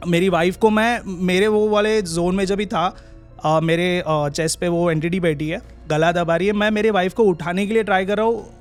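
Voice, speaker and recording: A young man with a notably high-pitched voice, telling a personal story as a podcast guest. He speaks casually and haltingly, pausing and restarting often. Soft music plays quietly underneath. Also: steady tone, clean tone. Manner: halting, drawn-out pauses and restarts.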